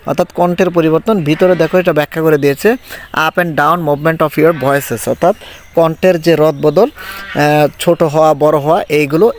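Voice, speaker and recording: A man teaching an English textbook lesson, explaining patiently and reading the English lines slowly before he translates them. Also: a little high, slight background noise.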